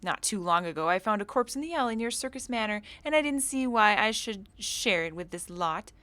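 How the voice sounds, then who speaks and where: A woman's voice: medium pitch, animated, a little fast, bright, forceful tone, no echo. A woman reading as a blunt, jumpy female cultist. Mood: defensive. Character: defensive, jumpy female cultist who scavenges corpses.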